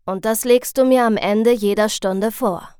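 A woman's voice: fairly high pitch, a little slow, darkish tone, smooth, dry recording, studio quality, natural voice. A woman voicing a stern, dryly sarcastic male chemistry teacher with a firm, lightly mocking manner.

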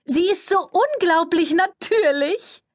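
A woman voicing a shrill, effusive female publicity agent who gushes and draws out her words. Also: animated, exaggerated voice. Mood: gushing. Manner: effusive, shrieking, drawn-out.

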